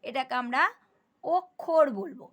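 A woman teaching a grammar lesson, asking questions and answering them herself as she spells words out slowly. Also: high-pitched.

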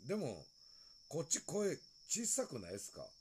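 A man's voice: on the high side, wildly swooping pitch, moderate pace, a little mellow, a little hiss or hum. A man with a Kansai accent chatting loosely on a late-night phone live stream, greeting viewers and laughing often. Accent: Kansai Japanese.

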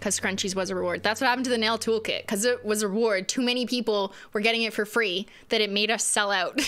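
A young woman with a mid-range, slightly bright voice hosts a casual livestream from her home streaming room, speaking fast with fairly even intonation. She reads chat in a playful, teasing way and laughs often, recorded on a boom-arm studio mic with soft music in the background.

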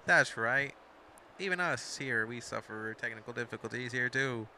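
In a medium-pitched, very bright and sharp voice, a young Mexican man gives chatty play-by-play of a wrestling game's storyline at a moderate pace. A faint hiss sits underneath as he wanders off on asides and corrects himself.

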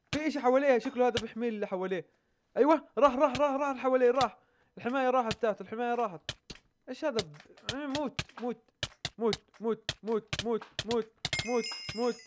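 A young man giving excited commentary over gameplay as a gaming YouTuber, repeating words and yelping whenever danger comes. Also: very high voice, noisy background.

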